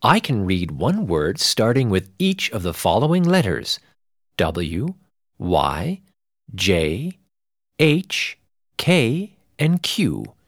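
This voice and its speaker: Slow, sing-song male phonics teacher. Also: lowish voice, huge pitch swings, no room sound, clean studio sound. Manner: clear, deliberate instructional delivery. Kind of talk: scripted lesson instruction.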